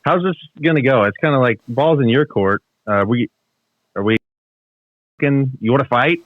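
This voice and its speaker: A man's voice: medium pitch, normal speed, no room sound. A man calling in to chat casually over a narrow call connection. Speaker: caller. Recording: tinny phone-like call line.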